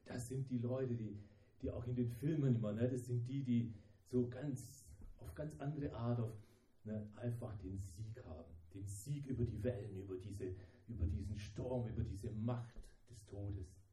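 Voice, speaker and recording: A man's voice: medium pitch, steady tone, normal speed, mellow, echoey room, poor audio. A man preaching a sermon in a dramatic way, acting out the voices of the people in the story. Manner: dramatic, acts out the disciples' voices.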